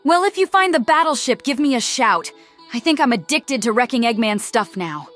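A woman's voice: fairly high pitch, lively intonation, moderate pace, fairly bright tone, faint music behind. A woman voicing a plucky, sociable young female lemur in a comic dub, chummy and slangy.

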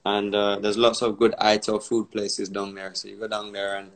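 A man from Barbados hosting a casual phone live stream, talking in a relaxed, rambling way with many fillers. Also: lowish voice, normal speed, low-quality recording. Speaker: Instagram live host.

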